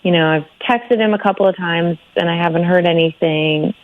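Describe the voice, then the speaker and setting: A woman's voice: fairly low pitch, brisk. A woman calling in over a phone line, talking hesitantly with nervous little laughs. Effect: heard over a phone line. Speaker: radio call-in guest. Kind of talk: casual chat.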